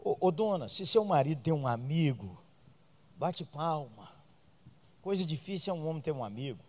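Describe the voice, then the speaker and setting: A Brazilian man preaching a sermon as pastor, joking with the congregation and breaking into loud outbursts. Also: a little high, sing-song, moderate pace, big-room sound.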